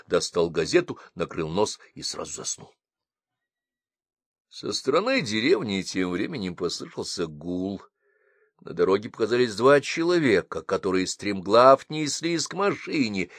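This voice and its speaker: Expressive, low-voiced male reader. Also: no room sound, clean studio sound. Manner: expressive reading, varied intonation. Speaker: audiobook reader. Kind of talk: scripted narration.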